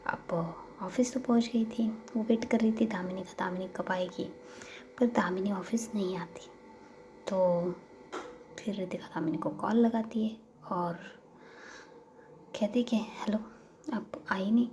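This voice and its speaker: A woman's voice: medium pitch, steady tone, measured pace, long pauses, mellow, a little hiss or hum. A woman storyteller narrating a story in a casual, chatty way, with fillers and restarts. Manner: chatty, conversational retelling with fillers.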